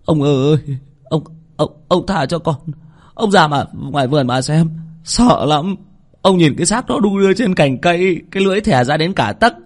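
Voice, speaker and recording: A man's voice: mid-range voice, big pitch swings, slow, few pauses, warm tone, voice pushed up. A man voicing a terrified young male servant who stammers and pleads in panic.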